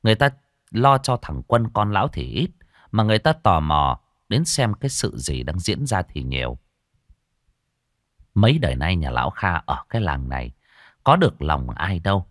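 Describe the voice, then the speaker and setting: Dramatic low-voiced male storyteller. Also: sing-song, normal speed, fairly bright tone, no echo, clean studio sound. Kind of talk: ghost story narration.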